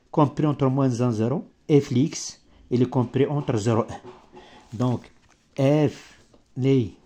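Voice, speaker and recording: Homme au débit lent, français hésitant et approximatif. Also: male voice, mid-range voice, mellow, husky. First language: not French. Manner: halting, broken French with grammatical slips and word searching. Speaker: maths teacher. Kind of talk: improvised maths lesson.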